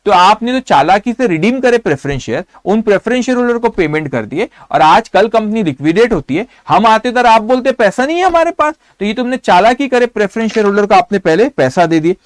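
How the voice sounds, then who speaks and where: A man's voice: sits high, big pitch swings, brisk, hardly any pauses, dry recording. A man voicing a group of upset creditors who protest in an indignant, accusing tone. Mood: aggrieved. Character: upset complaining creditors, adult men.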